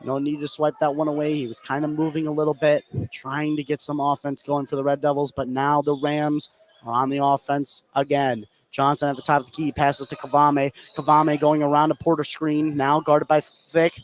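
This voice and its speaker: On the radio, a man calls a basketball game live, narrating the action in running, conversational fragments. His voice is fairly high, his delivery completely flat, and his pace moderate. Ambient noise is clearly audible behind the commentary.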